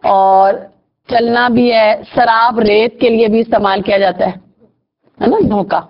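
A woman with a slightly high voice teaching a Quran vocabulary lesson. She goes patiently through each word, spelling out its root letters and repeating key terms. The recording sounds dull and lo-fi. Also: steady tone. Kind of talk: classroom lesson explaining Arabic words.

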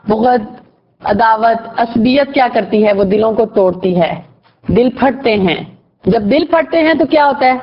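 A woman teaching a class, explaining word roots, quizzing her students and praising their answers. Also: a little high. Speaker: Quran vocabulary teacher. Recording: dull lo-fi recording.

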